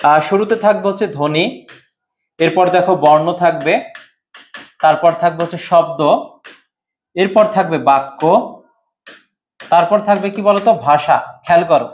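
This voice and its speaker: High-voiced male Bengali lecturer. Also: measured pace, pauses often. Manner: quizzes students, repeats answers, waits for comments. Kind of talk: online exam-prep lesson.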